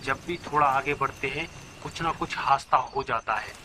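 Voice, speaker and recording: A man playing a calm, scolding villager. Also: mid-range voice, moderate pace, background noise, natural voice. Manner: brushes off fears, scolds his friend.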